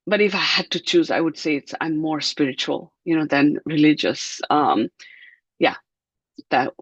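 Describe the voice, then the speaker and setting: A middle-aged woman from Nepal, a guest giving thoughtful, measured answers in an interview, drawing out words for emphasis. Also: deep voice, no room sound, lo-fi sound.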